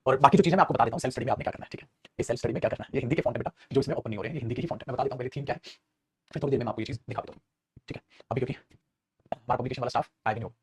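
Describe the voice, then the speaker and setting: A man's voice: medium pitch, husky. A middle-aged man with an Indian accent teaching an exam-prep grammar lesson, calling students "beta" and mixing Hindi explanations with English example sentences. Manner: fast, animated, calls students "beta".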